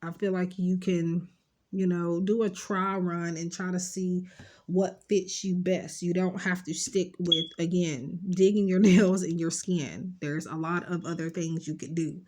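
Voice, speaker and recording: A woman on the low side of pitch, slightly mellow, talks unhurriedly with fairly even intonation. Congested and sniffling, she gives her viewers a casual, rambling tarot card reading, speaking directly and soothingly with lots of fillers.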